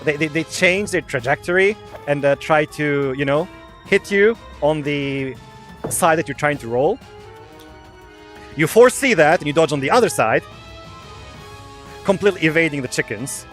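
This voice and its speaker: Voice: medium pitch, expressive, normal speed, pauses often, soft background music. A game master running a tabletop game on a live stream, chatty and often breaking into laughter.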